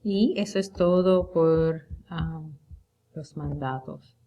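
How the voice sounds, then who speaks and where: A woman teaching Spanish at an unhurried, careful pace, with a somewhat low voice. She stretches out her example words so her students can follow each one. It sounds like a recorded review lecture. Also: highs cut off. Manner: slow and deliberate, drawing out example words.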